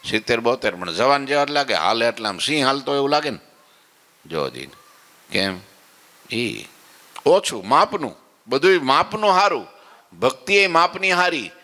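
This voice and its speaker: A man's voice: medium pitch, sharp tone, in a large hall. A man giving a devotional sermon, folksy and conversational, acting out listeners' complaints and asking if they follow. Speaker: swami giving morning katha. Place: temple hall.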